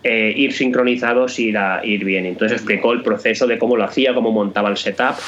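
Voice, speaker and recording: A man in a casual tech chat, talking haltingly and repeating his words as he restarts. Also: fairly low pitch, steady tone, fairly bright tone, muffled recording, a little hiss or hum.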